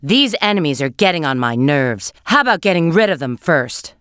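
Rouge, a sly bat treasure hunter. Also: female voice, sits low, very animated, moderate pace, fairly bright tone, clear, resonant tone, no echo, clean studio sound. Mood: coolly advising. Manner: cool, knowing, coaching tone. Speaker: game character giving hints. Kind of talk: game voice acting.

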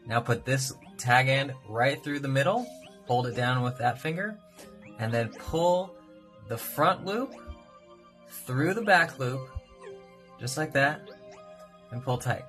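An upbeat man in his thirties walks through fishing knots step by step with a brisk, friendly tone. His voice sits in an ordinary middle pitch, close to a phone mic indoors. Light music plays faintly behind him. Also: animated, fairly bright tone. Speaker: fishing knot instructor. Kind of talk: step-by-step tutorial. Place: indoors at a kitchen sink.

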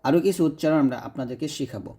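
A man teaching Quran recitation in a tutorial lesson, patiently repeating each sound slowly and drawing it out. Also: mid-range voice, lively intonation, warm tone. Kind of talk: tutorial lesson explaining letters.

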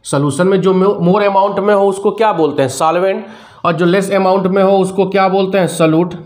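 Middle-aged male chemistry teacher, high-pitched, asks and answers his own questions. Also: fairly even intonation, fairly quick, a little mellow. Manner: repeats questions and answers them himself; mixes English terms into Hindi. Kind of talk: classroom lecture.

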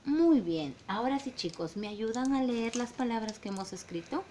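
A woman's voice: a little fast, a little mellow. A woman teaching a virtual phonics lesson to young children, drawing out syllables in a sing-song way and often checking with her class. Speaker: kindergarten teacher. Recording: echoey room, faint rumble.

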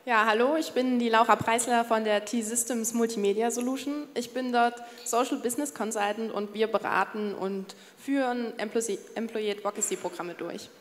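A young woman introduces herself on a conference panel, friendly and matter-of-fact, slightly high in pitch. Her handheld mic catches the long reverb of the hall. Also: steady tone, normal speed, few pauses. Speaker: consultant on panel. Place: conference stage in a large hall.

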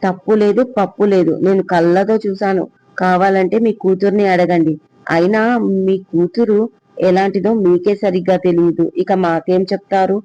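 A man voicing a loud, accusing middle-aged aunt in an audio story, shouting and mocking. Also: mid-range voice, fairly even intonation, moderate pace, no echo, muffled recording, lightly acted. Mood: shrill accusing.

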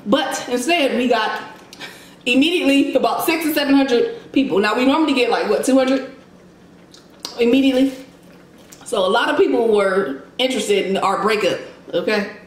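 A woman's voice: fairly high pitch, normal speed. A woman in her thirties talking casually while eating a meal. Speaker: co-host of mukbang video. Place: indoor room at a table, eating. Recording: echoey room, faint noise.

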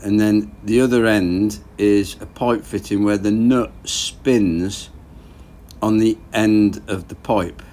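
A man's voice: on the low side, slow. A man in his thirties casually narrating his engine rebuild as he works in a garage, thinking aloud. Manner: relaxed, plain-spoken, thinking aloud while working. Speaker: boat engine rebuild vlogger.

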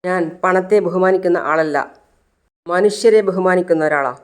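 A woman's voice: fairly low pitch, normal speed, close to an everyday voice. A woman voicing a stern, wealthy middle-aged father who lectures firmly. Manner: firm, lecturing.

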